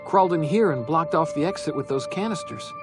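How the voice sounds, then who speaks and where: Actor as high-voiced wounded company guard. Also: male voice, brisk, over music, close to an everyday voice. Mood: pained, rueful. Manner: colloquial, slogan-reciting, pained. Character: wounded, chatty corporate guard, dutiful and hapless. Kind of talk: video game character dialogue.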